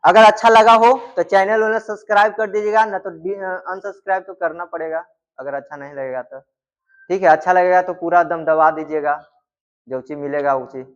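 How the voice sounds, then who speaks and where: A man's voice: high voice, steady tone, normal speed, lo-fi sound. A man teaching in a classroom-style lecture, asking questions and answering them himself, and drawing out sounds to demonstrate them.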